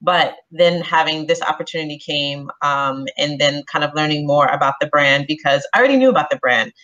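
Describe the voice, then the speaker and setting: A woman from the Bronx, speaking as a panelist about her career in a measured, reflective way. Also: deep voice, fairly bright tone, lo-fi sound. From New York City (Bronx). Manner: measured, reflective, frequent um fillers. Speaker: HR business partner, panelist. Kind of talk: panel discussion.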